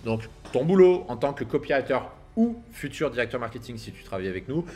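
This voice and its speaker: Filming himself outdoors at sunset, a man coaches copywriters in a casual monologue to camera. His medium-pitched, mellow voice is very animated and quick, and he talks in a punchy, emphatic way with slang and the occasional swear word.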